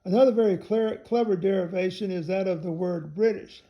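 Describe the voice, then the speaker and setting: A man reading a theology text aloud in a measured way, spelling out some words letter by letter. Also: high voice, dull audio.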